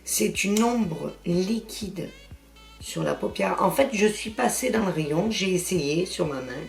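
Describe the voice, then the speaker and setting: A woman's voice: lowish voice, animated, slow pace, creaky. A woman vlogger chatting casually about makeup she bought, with lots of exclamations and fillers. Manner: chatty and exclamatory, with many "voilà" and "hein" fillers. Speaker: beauty vlogger. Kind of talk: casual makeup haul chat. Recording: echoey room with faint music.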